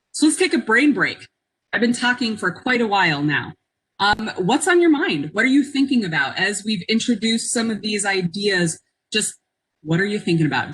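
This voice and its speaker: This workshop presenter has a husky, medium-pitched voice with a slight brightness, and the recording is rough. Hosting an interactive webinar over an online conference call, she encourages participation and reflects warmly as she talks.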